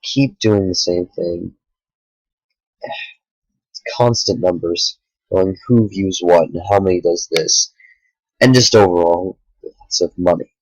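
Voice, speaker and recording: A tired young man talking earnestly to the camera late at night, a small YouTuber speaking in halting sentences with sighs. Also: deep voice, a little mellow, no room sound, dull audio. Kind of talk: sincere direct-to-camera talk.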